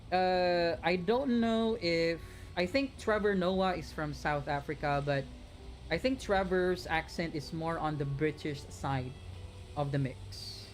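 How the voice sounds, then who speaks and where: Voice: medium pitch, slight background noise. A streamer from the Philippines chatting casually with live viewers, rambling with frequent restarts and talking straight to the audience. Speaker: gaming streamer.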